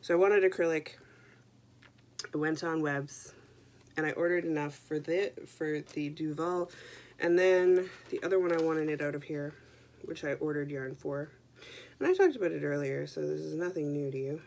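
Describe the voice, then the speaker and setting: Her voice sits low and a bit mellow, at a normal speed, and a head cold leaves her stuffy. The young knitting podcast host talks casually to camera about her knitting, chatty and self-deprecating, tossing in jokey asides.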